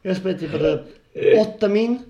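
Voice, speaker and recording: A man's voice: high voice, mellow. A young man co-hosting a casual podcast among friends, telling a story with laughter and bits of English slang. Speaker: podcast co-host. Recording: roomy echo.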